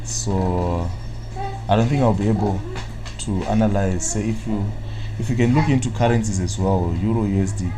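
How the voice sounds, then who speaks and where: Over the sound of a crowd, a Zimbabwean-accented man with a lowish voice talks at normal speed. Originally a Shona speaker, he hosts a live trading analysis stream, answering viewers' chat in a rambling way and peppering his sentences with "what, what."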